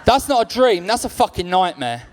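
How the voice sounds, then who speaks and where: High-pitched South London male comedian. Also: sing-song, moderate pace, background noise. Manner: chatty, cheeky, uses slang. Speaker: stand-up comedian. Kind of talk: live stand-up comedy with audience banter.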